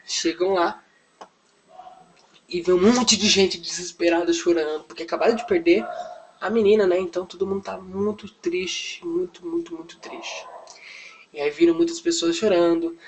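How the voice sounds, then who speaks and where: A man's voice: high voice, slight background noise, low-quality recording. A man, telling a Bible story to children in a chatty, informal way and lightly acting out the quotes. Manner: chatty, often adds "né", acts out quotes lightly. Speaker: children's Sunday school teacher. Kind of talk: casual Bible story lesson for kids.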